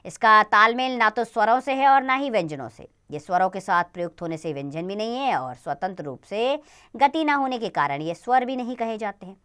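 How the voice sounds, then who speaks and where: A woman teaching a grammar lesson to children, spelling out sounds slowly and deliberately. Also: mid-range voice, lively intonation, a bit bright, clean tone.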